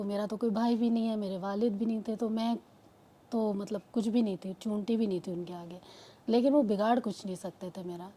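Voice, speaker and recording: Middle-aged woman, rambling personal testimony, raised voice, mellow tone, trails off softly. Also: fairly high pitch. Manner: earnest, rambling, often trails off into soft murmurs. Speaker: guest sharing a spiritual testimony. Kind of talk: personal storytelling.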